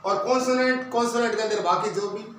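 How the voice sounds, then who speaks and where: A man's voice: high-pitched, quick pace, a bit bright, slight background noise. A male teacher giving a grammar lesson. He explains step by step and asks and answers his own questions. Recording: very echoey room, voice from a distance.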